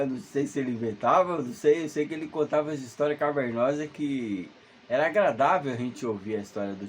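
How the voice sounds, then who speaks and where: Alone in his house, a Brazilian man from Salvador, in his fifties, recounts a creepy childhood experience, stumbling through fillers and restarts as he rambles. His voice is medium-pitched, with a little hiss or hum audible.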